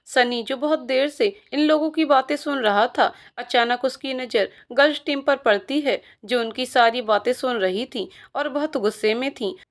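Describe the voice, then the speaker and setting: A woman narrating a scripted story in a plain, even storytelling manner. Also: sits high, normal speed, few pauses.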